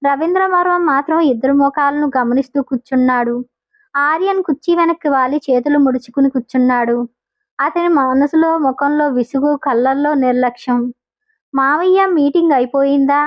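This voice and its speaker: A woman narrates a scripted audio drama in a high voice, reading in a steady, descriptive way. The recording is dull and lo-fi. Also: a little fast. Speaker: storyteller.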